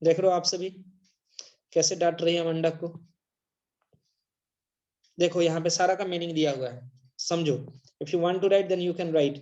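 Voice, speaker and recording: An online English teacher in a live class, explaining and constantly checking that students follow, reading English lines slowly. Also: medium pitch, steady tone, warm tone, dull audio. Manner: mixes Hindi and English, constantly checks understanding.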